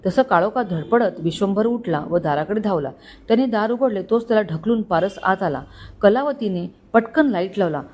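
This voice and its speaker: A woman reads a scripted story aloud. Her pitch sits in the middle, and her delivery is dramatic and suspenseful. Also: lively intonation, moderate pace, a little mellow, slight background noise. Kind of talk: scripted narration.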